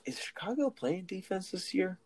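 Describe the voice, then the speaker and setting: A man co-hosting a casual sports podcast, opinionated and teasing with quick remarks. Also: sits high, lively intonation, darkish tone. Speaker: podcast co-host.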